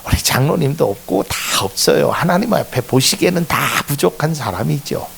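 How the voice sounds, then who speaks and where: Animated high-pitched preaching pastor, gravelly. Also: male voice, normal speed, a little hiss or hum. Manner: preaching with dramatic voiced quotes, rising to emphatic peaks. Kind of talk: sermon.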